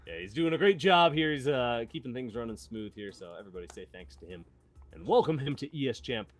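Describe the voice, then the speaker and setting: A man hosting live esports commentary, excitable and laughing often, sometimes bursting into shouts, with the hiccups. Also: medium pitch, fast, faint music behind. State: has the hiccups. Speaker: esports caster.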